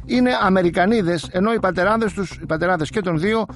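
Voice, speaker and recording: High-voiced sarcastic male radio host. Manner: sarcastic, mock-interviewing archive clips. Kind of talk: satirical radio commentary.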